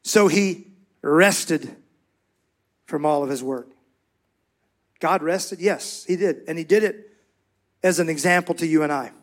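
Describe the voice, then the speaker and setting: A man with a fairly high voice preaches to a church congregation. He rallies the room with fervent calls, then drops to slow, soft, emphatic words. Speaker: pastor. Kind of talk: sermon.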